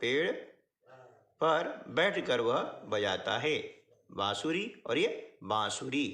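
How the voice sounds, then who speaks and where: A man teaching a workbook lesson, explaining step by step and often checking in with short questions to the listener. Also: echoey room. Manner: lively, rising and falling pitch.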